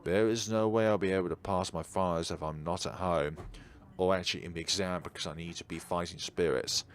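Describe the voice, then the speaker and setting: A video game streamer reads visual novel narration aloud with dramatic flair, his voice sitting low with fairly even intonation and a slightly fast pace. He stumbles over words now and then and corrects himself, with music playing behind him.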